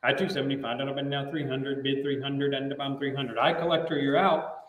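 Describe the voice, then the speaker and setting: This middle-aged American auctioneer keeps up a rhythmic, repetitive bid call with stock filler phrases, speaking a little fast in a medium-pitched, slightly bright voice that barely moves in pitch. He's captured at a distance in a large, roomy indoor auction room.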